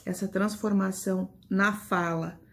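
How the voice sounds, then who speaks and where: A woman with a Brazilian Portuguese accent speaks to young pupils in an online lesson, taking her time over every word. Her voice carries a gravelly, creaky edge, and her manner is patient and affectionate. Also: mid-range voice, steady tone, a bit bright. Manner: slow, patient, affectionate teacher talk. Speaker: primary school teacher. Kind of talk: online grammar lesson for children.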